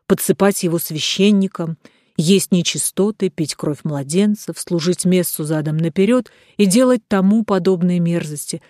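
A woman narrating an audiobook in a measured, steady reading. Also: lowish voice, no room sound, studio quality.

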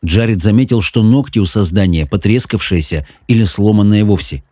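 A man reading a children's fantasy audiobook in measured, even storytelling narration. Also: lowish voice, no room sound, clean studio sound. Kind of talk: scripted narration.

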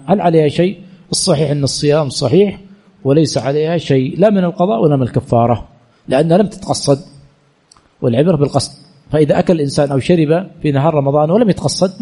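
A sheikh with a slightly high, mellow, slightly rough voice teaches Islamic jurisprudence by answering listeners' questions. He reads every question aloud, then responds in a colloquial manner that leans on repeated phrases and self-correction.

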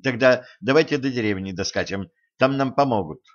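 A male narrator voicing a bold, sharp-tongued young woman who answers with sarcastic retorts. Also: mid-range voice, fairly quick, dull audio, lightly acted. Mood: snappy.

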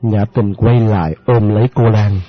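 Steady male audiobook narrator. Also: lowish voice. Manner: steady, measured storytelling. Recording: dry, dull lo-fi audio with faint music.

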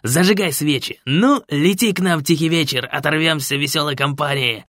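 A man's voice: a little high, normal speed, fairly bright tone, no echo, studio quality, voice pushed up, close to an everyday voice. A male reader voicing Fred, a brash, jovial biker designer who talks in slang and bosses everyone around. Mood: boisterous. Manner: slangy, bossy and boisterous. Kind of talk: audiobook character voice.

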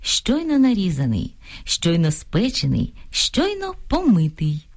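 Instructive woman presenter, lively intonation. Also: lowish voice, unhurried. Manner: clear, instructive reading. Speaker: radio presenter. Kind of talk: scripted radio narration.

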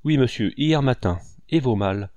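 A man's voice: mid-range voice, lively intonation, moderate pace, darkish tone, dry recording, highs cut off, lightly acted. A man reading an audiobook and voicing a deferential young housemaid.

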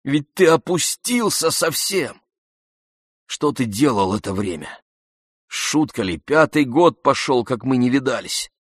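A man voicing an energetic friend who urges loudly and emphatically. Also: mid-range voice, unhurried, husky, no room sound, clean studio sound, pitched above the performer's own voice. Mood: urging. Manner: emphatic, urging, loud. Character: energetic, insistent male friend, forceful.

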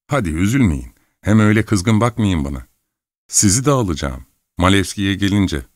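A man's voice: low voice, very animated, moderate pace, dry recording, clean studio sound. A man voicing a playful, mocking young princess in an audiobook reading. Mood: coquettish. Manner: mocking, coquettish.

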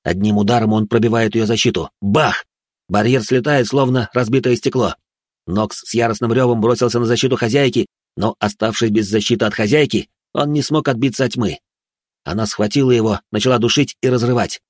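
A man narrating a dark fantasy story in a hushed, ominous tone. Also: mid-range voice, brisk, no echo, studio quality. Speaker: audiobook narrator.

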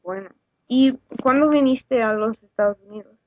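A woman conducting a friendly class interview, asking questions in a halting way. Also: fairly high pitch, dry recording. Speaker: student interviewer. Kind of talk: casual phone interview. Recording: tinny phone line with faint noise.

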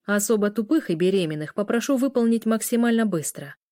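A woman voicing a tired, blunt middle-aged lecturer handing out tasks briskly. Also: mid-range voice, expressive, warm tone, dry recording, clean studio sound, natural voice.

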